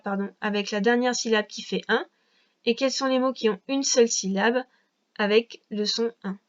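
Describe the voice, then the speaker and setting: A woman's voice: on the high side, muffled recording. A woman teacher guiding a young child through a reading lesson at a patient, carefully articulated pace. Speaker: first-grade teacher.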